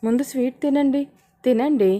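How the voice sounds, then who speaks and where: A woman's voice: sits high, fairly even intonation, normal speed, warm tone, voice pushed up. A woman voicing a bold, scheming young woman who talks in a pushy, commanding way.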